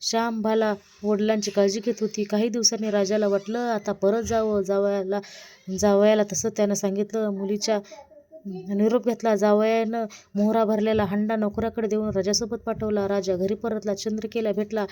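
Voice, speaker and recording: A woman narrating a traditional devotional vow story aloud, reading steadily with small restarts and slowing down when she speaks the characters' lines. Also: mid-range voice, little pitch movement, dark tone. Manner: reads a religious vow tale aloud, with small restarts and slowed quoted lines.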